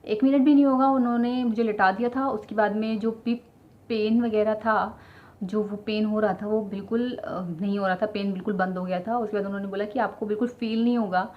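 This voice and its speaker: A woman's voice: medium pitch, steady tone, brisk. A young woman chatting directly to her viewers, telling a personal story with lots of fillers. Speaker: vlogger sharing her childbirth story. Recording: slightly dull lo-fi sound with faint ambience.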